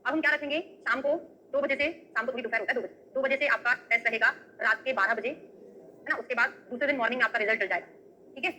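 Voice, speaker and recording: A woman's voice: on the high side, rapid-fire, sharp tone, a little hiss or hum, poor audio. A woman teaching an exam-prep lecture, often asking students questions and checking with "right?" as she gives memory tricks. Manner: memory tricks and everyday examples. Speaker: Ayurveda teacher.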